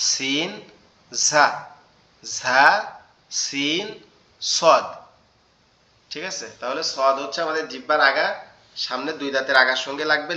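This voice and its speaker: A male teacher leads an online class with a bright, forceful voice, patiently repeating each letter sound several times. His audio comes through echoey and a little muffled, as from a video call. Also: medium pitch. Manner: repeats letter sounds in drills, asks "okay?". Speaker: Quran teacher.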